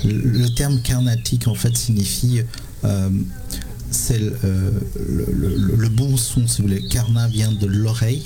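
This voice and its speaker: A Sri Lankan man in his thirties, appearing as a musician guest, answers interview questions haltingly, with many fillers and repeated words. His pitch is fairly low, and there's noise in the background.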